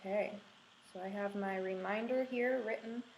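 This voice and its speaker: A woman in her thirties giving calm, unhurried, reassuring instructions as she demonstrates a craft. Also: medium pitch. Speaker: art instructor leading a craft and meditation tutorial. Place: small room indoors with a window. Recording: echoey room, faint background noise.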